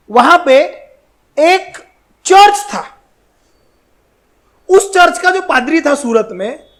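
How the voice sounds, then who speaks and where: A man giving a history lecture in a colloquial storytelling style, animated and speaking straight to his listeners with slangy asides. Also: very high voice. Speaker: history educator.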